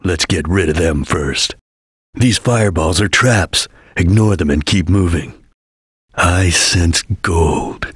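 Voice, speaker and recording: A stoic ninja chameleon for a video game. The voice is very husky and fairly low, recorded dry. He gives terse, deliberate warnings and instructions with a serious, watchful temper. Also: no room sound, full character voice. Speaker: video game character voice actor. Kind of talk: video game voice lines, hints and callouts.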